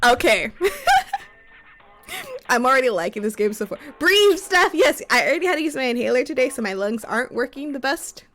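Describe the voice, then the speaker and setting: Chatty woman streamer on headset, bit high voice, laughs a lot, up and down. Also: very animated, normal speed, long pauses, a bit bright, soft background music. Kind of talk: live game stream commentary and reading.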